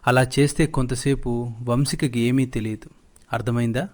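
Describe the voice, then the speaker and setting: A man voicing a kindly old wandering holy man in a narrated storybook, speaking in a slow, advising way. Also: mid-range voice, fairly even intonation, close to an everyday voice.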